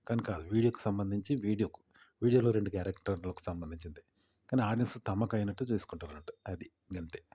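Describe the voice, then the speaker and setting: A man's voice: fairly low pitch, very fast, dark tone, slightly rough. A man explaining YouTube tips in casual talk, rambling and repeating his points as he asks the listener if they follow. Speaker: YouTube creator giving tips.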